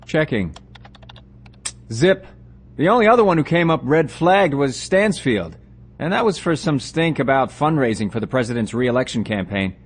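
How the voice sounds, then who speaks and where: Matter-of-fact intelligence analyst. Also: male voice, medium pitch, very animated, normal speed, husky. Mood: businesslike. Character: businesslike male intelligence analyst reporting findings. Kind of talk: audio drama dialogue.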